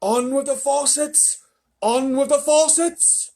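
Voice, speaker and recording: A man voicing a booming faraway voice from a storm cloud, shouting slowly. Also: steady tone, heavily acted. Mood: bellowing. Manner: slow bellowing shout.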